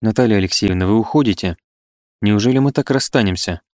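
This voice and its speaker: A man's voice: fairly low pitch, fast, darkish tone, dry recording, studio quality, close to an everyday voice. A man voicing an eloquent but wavering young idealist who pleads earnestly and falls into self-reproach. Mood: pleading.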